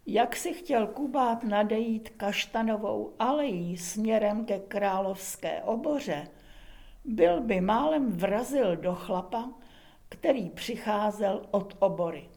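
A woman narrating a humorous folk tale in a lively, expressive reading with dramatic pauses. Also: mid-range voice. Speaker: storyteller.

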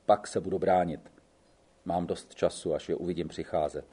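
A man's voice: low-pitched, steady tone, warm tone, husky, voice pushed down. A man reading the part of a stubborn lone schoolteacher in an audiobook, answering curtly and dryly. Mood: calm. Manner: curt, dry. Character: stubborn solitary male schoolteacher, curt.

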